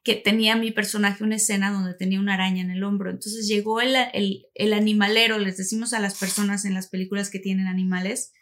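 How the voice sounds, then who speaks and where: A woman co-hosting a podcast, chatting casually and telling stories with lively quoted voices. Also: medium pitch, quick pace, few pauses. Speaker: podcast co-host. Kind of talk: casual chat.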